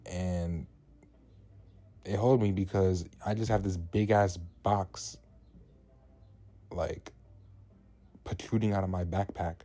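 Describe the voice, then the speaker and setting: A man's voice: low voice, fairly even intonation, slow, pauses often, mellow. A young man from New York telling a profane, slangy storytime in a laid-back way. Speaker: vlogger. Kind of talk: casual storytime vlog.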